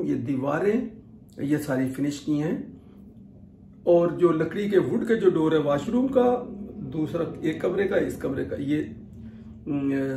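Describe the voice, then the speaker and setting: A man's voice: fairly high pitch, vocal fry, a little mellow, a little hiss or hum. A middle-aged man telling a casual vlog story, chatty and digressive, often restarting his sentences. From Pakistan. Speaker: vlogger. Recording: echoey room.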